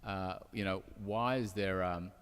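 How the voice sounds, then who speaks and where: An Australian man who spent part of his childhood in Turkey speaks earnestly as a panelist in a large indoor event hall, heard through an echoey public address system. His voice is low, smooth, steady, unhurried and a bit bright.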